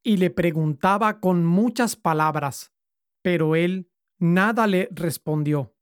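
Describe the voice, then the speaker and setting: A woman reading scripture aloud in a measured, formal way. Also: lowish voice, no echo, clean studio sound. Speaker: scripture reader.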